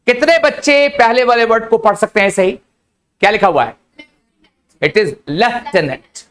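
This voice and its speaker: एक पुरुष शिक्षक जो कोचिंग क्लास में छात्रों को "बेटा" कहकर समझाते हुए अंग्रेज़ी पढ़ा रहे हैं।. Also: male voice, extremely high pitch, brisk. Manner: addresses students as beta, lively and coaxing. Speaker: English teacher. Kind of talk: classroom lecture. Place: coaching classroom.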